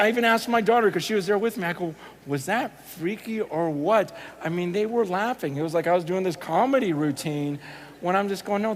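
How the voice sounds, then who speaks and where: A man preaching a storytelling sermon, animated, acting out conversations and swinging from hushed to loud. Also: high voice. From United States. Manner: animated, acts out dialogue, quick shifts from hushed to loud.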